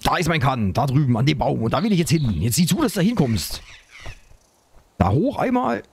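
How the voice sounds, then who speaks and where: A man commenting on his own survival game play, excitable, talking to himself and his viewers. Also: fairly high pitch, fairly quick, slight background noise. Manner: excitable, talks to himself and viewers, frequent exclamations. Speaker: gaming YouTuber.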